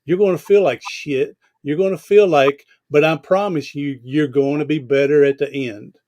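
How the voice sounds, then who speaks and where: A man's voice: fairly high pitch, fairly even intonation, moderate pace, a little mellow. A man interviewing a guest in a casual, plainspoken and encouraging way.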